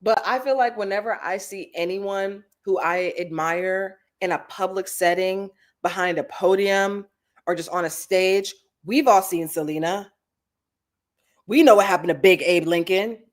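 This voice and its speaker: A woman, hosting a live chat show and telling casual stories with big swings in pitch. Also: unhurried. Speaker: host. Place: Los Angeles.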